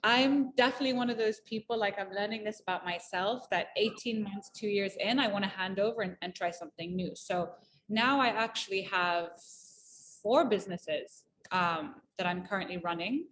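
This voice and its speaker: In this casual interview, a Malawian entrepreneur in her thirties talks as a guest, upbeat and talkative, with lots of fillers and restarts. Her medium-pitched voice moves at a normal speed and sounds slightly bright, with a little hiss or hum in the recording.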